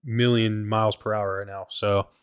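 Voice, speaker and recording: A man's voice: on the low side, normal speed, clean tone. Man, podcast host, casual storytelling, profane, rambling, stumbles over words. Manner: rambling, profane, heavy on "like" and "bro"; excitable, restarts and stumbles.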